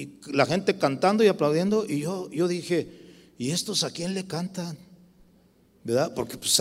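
A middle-aged Mexican man preaching in a church, his voice sitting a little high for a man. He talks in a loose, chatty way, tossing in tag questions and starting phrases over. A long reverb from the hall trails after each phrase. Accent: Mexican Spanish. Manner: conversational, frequent tag questions and restarts. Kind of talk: sermon with personal testimony.

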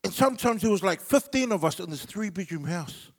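High, animated and brisk, a middle-aged Samoan-speaking New Zealand comic spins a loose, meandering stand-up yarn thick with fillers, his voice trailing a long reverb.

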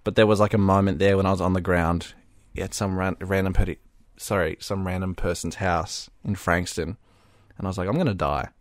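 A young Australian man with a notably deep, low voice tells rambling stories in a laid-back, casual way, swearing freely. The recording is dry and close, with no room sound. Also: little pitch movement, a little fast, few pauses, no echo. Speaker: YouTuber being interviewed. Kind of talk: casual podcast chat.

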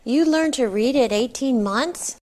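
A woman hosting a podcast, reading a slow, deliberate introduction and asking interview questions. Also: high voice, a little mellow. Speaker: podcast host.

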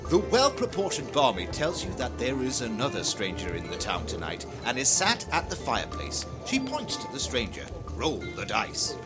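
A man's voice: mid-range voice, huge pitch swings, normal speed, few pauses. A man narrating a tabletop game as game master, bossy and teasing. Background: background music.

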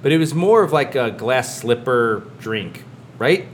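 A man co-hosting a relaxed podcast, joking around and laughing often as he keeps the chat moving. His voice sits at an ordinary pitch, with a light hiss of noise in the room. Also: measured pace. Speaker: podcast co-host. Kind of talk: casual chat.

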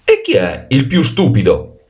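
A man voicing a proud male lion king who asks questions slowly and deliberately. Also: mid-range voice, wildly swooping pitch, a little mellow, voice pushed up. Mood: regal.

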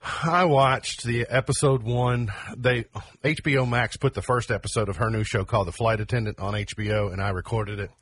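Male radio co-host, husky, casual banter. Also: mid-range voice, fairly even intonation, moderate pace, a bit bright. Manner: reads almanac items, then riffs. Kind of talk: casual morning radio chat.

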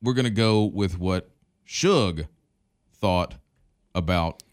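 A man with a very deep voice rambles through sports history on a podcast, full of fillers and restarts. His tone is smooth and resonant. He talks fast and casually. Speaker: podcast co-host.

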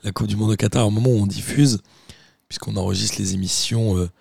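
A man hosting a casual interview podcast, chatty and relaxed, asking many questions. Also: lowish voice, fairly quick, gravelly, husky, no echo, clean studio sound. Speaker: podcast host.

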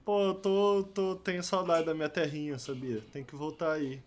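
High-voiced chatty young man. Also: little pitch movement, normal speed. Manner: chatty, storytelling, frequent slang fillers. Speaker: podcast guest. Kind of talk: casual chat.

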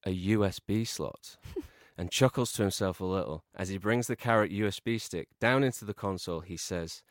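A man co-hosting a podcast, reading out a comic film pitch with deadpan storytelling delivery. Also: moderate pace, no room sound, clean studio sound. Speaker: podcast co-host.

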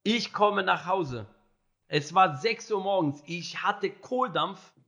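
Young guy, high and bright, animated storyteller who laughs and mimics others. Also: slow pace. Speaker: podcast guest telling a story.

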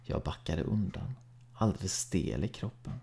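A man with a gravelly, husky voice reading a horror short story aloud in a calm, measured way, dropping to a hush at times. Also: sits low.

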